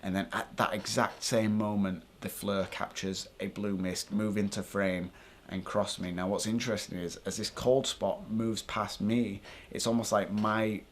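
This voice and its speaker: A man's voice: on the low side, flat delivery, unhurried, a little hiss or hum. A British man talking casually and informally to viewers as a paranormal vlogger, thinking aloud as he explains.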